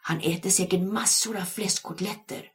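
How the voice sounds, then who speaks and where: A woman's voice: mid-range voice, steady tone, pitched above the performer's own voice, natural voice. A woman voicing a gossipy schoolgirl who whispers her remarks.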